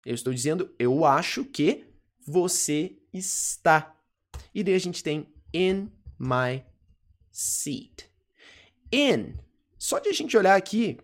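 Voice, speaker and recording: An English teacher with a Brazilian Portuguese accent, giving a lesson slowly and deliberately and repeating example phrases several times. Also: mid-range voice. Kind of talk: online language lesson.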